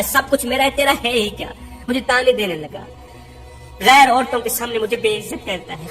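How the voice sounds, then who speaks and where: A woman's voice: on the high side, fairly bright tone, close to an everyday voice. A woman voicing a poor, mistreated young wife who tearfully pleads for help.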